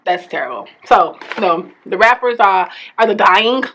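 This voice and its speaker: A woman's voice: medium pitch, expressive, normal speed, fairly bright tone, slight background noise. A woman vlogger giving her blunt, opinionated take in casual chat, swearing freely and eating as she talks. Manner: eating while talking. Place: home in Minnesota.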